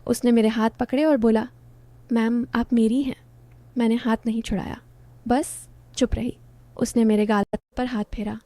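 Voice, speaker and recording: A woman storyteller giving a scripted first-person narration in an even, soft-spoken manner. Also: a little high, normal speed, no echo.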